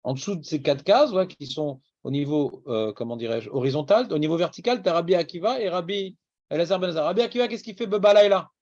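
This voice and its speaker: A high-voiced man with an Iranian accent leads a Talmud class, brisk and teasing as he scolds his students. The sound is dry and dull, like a lo-fi classroom recording. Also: expressive, darkish tone, no room sound. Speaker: Talmud teacher.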